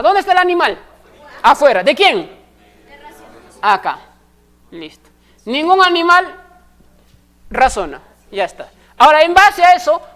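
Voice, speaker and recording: A woman, teaching a recorded math class step by step and often pausing to ask if her students follow. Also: high-pitched. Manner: explains step by step, constantly checking in with short questions.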